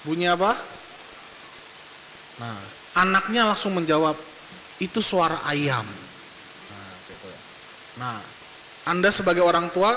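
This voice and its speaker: Man, priest preaching, storytelling homily, bright high voice, long church reverb, faint hiss. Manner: storytelling homily, acting out the father and child. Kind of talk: sermon. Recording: hissy reverberant church recording.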